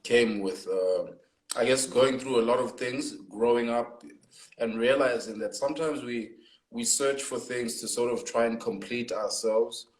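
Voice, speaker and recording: A man's voice: medium pitch, unhurried, roomy sound, low-quality recording. A South African man, a hip hop artist, talking thoughtfully in a casual interview over a video call. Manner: reflective, thoughtful, many fillers. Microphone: laptop or phone on a video call.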